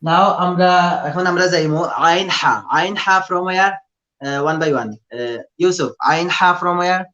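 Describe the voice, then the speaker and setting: A man's voice: high-pitched, slow, pushed and bright. Sylheti man teaching over a dull call. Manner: patient, drills sounds for repetition, mixes English in. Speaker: Quran teacher. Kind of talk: live online recitation lesson. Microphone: video call. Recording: dull lo-fi video call audio.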